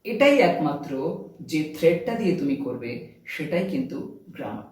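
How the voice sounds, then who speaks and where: A man's voice: fairly high pitch, very animated, a little mellow, recorded from a distance. Male English teacher with a Bengali accent and a raised voice, set back from the mic in a very echoey room. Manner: slow, stressed English phrases mixed with quick Bengali explanations. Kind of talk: spoken English lesson on video.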